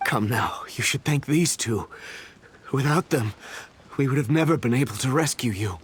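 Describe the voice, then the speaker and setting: A man voicing a gentle, grateful middle-aged father in a game, speaking courteously and with relief. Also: medium pitch, moderate pace, slightly rough, lightly acted. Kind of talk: game voice acting.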